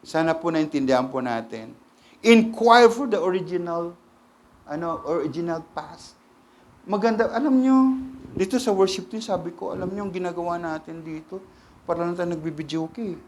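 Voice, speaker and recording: A middle-aged Filipino man preaching to his congregation in a slightly higher voice. He talks in an animated way, swings between hushed and loud, and keeps asking the room questions. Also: moderate pace. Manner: animated, switches between Tagalog and English, asks the congregation questions. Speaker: pastor. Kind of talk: sermon.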